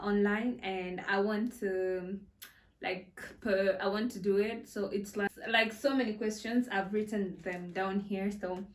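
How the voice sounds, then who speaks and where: A woman in her twenties chats through a storytime vlog, giggling and restarting her sentences as she goes. She sits a little back from the mic, so her voice is distant. The room around her gives it a clear echo. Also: mid-range voice. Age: 20s. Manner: chatty, giggly, with many fillers and restarts. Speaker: content creator. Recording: roomy echo, a bit far from the mic.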